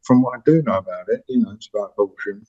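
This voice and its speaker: A man's voice: fairly low pitch, fast. A man in his sixties, a musician being interviewed, telling stories in a rambling way and often correcting himself mid-sentence. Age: 60s. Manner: rambling, self-correcting storyteller. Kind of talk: casual anecdotal chat. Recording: dull lo-fi sound.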